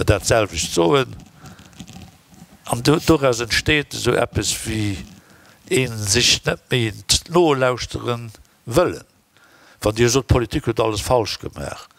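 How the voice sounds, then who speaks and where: Gravelly low-voiced man at a conference. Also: no echo. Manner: opinionated, conversational. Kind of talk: conference discussion. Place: conference hall.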